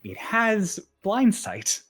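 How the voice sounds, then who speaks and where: A man's voice: high voice, huge pitch swings, drawn-out words, music in the background. A man acting as game master, narrating a tabletop game in a conversational, descriptive way.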